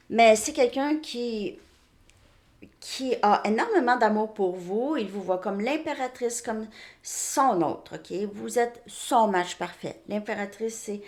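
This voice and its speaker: A woman's voice: fairly high pitch, a little mellow. A woman from Quebec with a Québécois French accent, chatting casually through a tarot reading and often checking in with "ok?". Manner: chatty, repeats "ok?" often, frequent restarts. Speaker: tarot reader. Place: home, outside Montreal suburbs.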